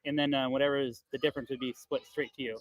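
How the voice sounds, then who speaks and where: Fast-talking man with a dry, close sound. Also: mid-range voice, little pitch movement, dry recording, low-quality recording. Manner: fast-talking, filler-heavy, reassuring salesman. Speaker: real estate investor on sales calls. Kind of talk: live-streamed phone sales call and debrief. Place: loud area. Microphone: earbud headset mic.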